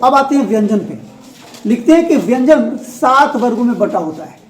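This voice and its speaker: Female teacher, bright high register, lively call-and-response lesson in a roomy classroom. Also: moderate pace. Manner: asks questions and repeats answers, laughs often. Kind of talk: classroom Hindi grammar lesson. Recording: echoey classroom.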